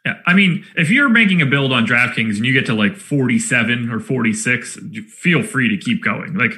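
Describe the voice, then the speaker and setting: A man co-hosting a fantasy basketball show, explaining lineup rules step by step in a relaxed chat. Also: mid-range voice, normal speed. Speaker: co-host of a fantasy sports show. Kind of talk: casual analytical chat.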